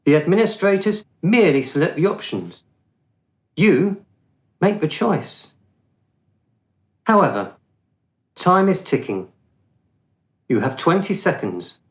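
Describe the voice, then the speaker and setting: The character, a smug bureaucrat of the afterlife in a radio play, is voiced by a man speaking slowly and with deliberate condescension. His dry mockery comes through in an expressive, swooping pitch, and his manner is officious throughout.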